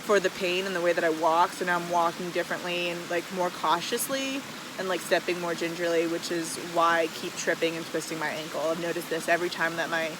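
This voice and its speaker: Casting: American trail vlogger, medium pitch, casual hesitant rambling, recorded outdoors with loud running water. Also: steady tone, noisy background. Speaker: vlogger, long-distance hiker. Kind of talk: casual rambling video diary. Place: outdoors beside rushing waterfall. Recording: loud rushing water behind voice.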